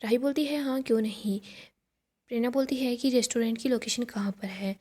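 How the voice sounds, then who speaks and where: A woman's voice: fairly high pitch, fast talker, darkish tone. A woman narrating a recap of a television serial in plain storytelling, reading every part herself.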